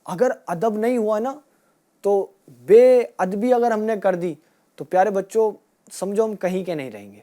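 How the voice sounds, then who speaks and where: A woman teaching a group of children, asking them questions and repeating their answers, and drawing out key words slowly. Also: mid-range voice, dark tone. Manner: asks a question, then repeats the answer back. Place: room with children and a passed microphone.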